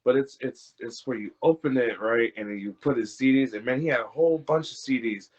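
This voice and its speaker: A young man, an interview guest, telling family stories in a casual way, laughing and doing lively voices for the people in them. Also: mid-range voice, a little fast. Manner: laughing, animated impressions in retelling. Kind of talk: casual storytelling. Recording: dull lo-fi audio.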